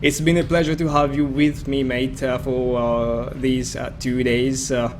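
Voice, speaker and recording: A man's voice: medium pitch, little pitch movement, measured pace, a little hiss or hum. Chatty man commentating a game stream. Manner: chatty, hesitant with many fillers.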